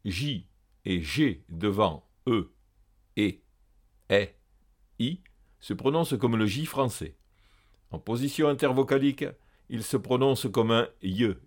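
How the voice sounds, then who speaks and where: A man's voice: medium pitch, animated, slow pace, long pauses. A man reading a pronunciation lesson, spelling out letters and saying example words one by one. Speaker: language teacher.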